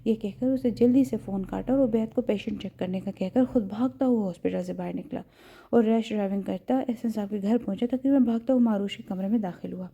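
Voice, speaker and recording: A woman narrating a romance audio novel in a steady storytelling way. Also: medium pitch, vocal fry, breathy edge. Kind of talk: scripted narration. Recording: dull lo-fi.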